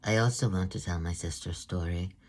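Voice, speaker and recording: A middle-aged man from Sweden, an author reading out a book presentation in a measured, even way. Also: sits low, a little hiss or hum. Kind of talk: read-aloud book presentation.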